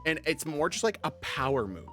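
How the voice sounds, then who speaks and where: A man's voice: fairly high pitch, big pitch swings, brisk, a bit bright, soft background music. A young man streaming, reading stories and chatting casually, swearing and using lots of fillers.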